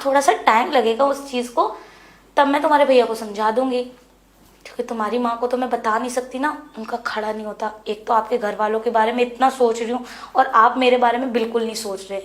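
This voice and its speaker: Woman playing a pleading high-voiced young wife. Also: steady tone, brisk, natural voice. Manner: pleading, insistent, hushed. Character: frustrated young married woman, pleading sister-in-law. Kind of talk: Hindi web series dialogue. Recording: echoey room.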